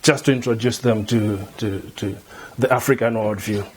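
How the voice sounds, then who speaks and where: A middle-aged man from Malawi, a theology lecturer, answering interview questions in a measured way, often repeating words as he thinks. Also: lowish voice, fairly even intonation, slight background noise. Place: indoor room before a banner.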